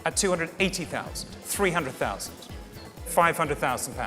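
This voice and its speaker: A man's voice: fairly high pitch, sing-song, normal speed, over music. A man working as a fine art auctioneer in a saleroom, formally and courteously calling and repeating bids to the room. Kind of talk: live fine art auction bidding patter.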